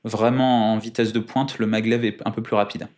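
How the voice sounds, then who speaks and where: A man's voice: lowish voice, flat delivery, normal speed, a little mellow. A man being interviewed in casual chat, speaking in a careful, formal way with many hesitations, precise with numbers and dates. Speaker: guest.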